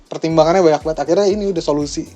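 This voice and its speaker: A young man, a music producer chatting casually about his home studio, relaxed and slangy with frequent laughter. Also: a little high, rapid-fire, lo-fi sound. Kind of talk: casual studio-tour chat.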